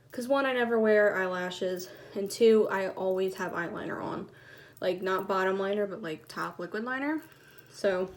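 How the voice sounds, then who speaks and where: A soft, quiet-spoken woman chatting casually through a makeup tutorial, recorded on a phone. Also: mid-range voice. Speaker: beauty vlogger.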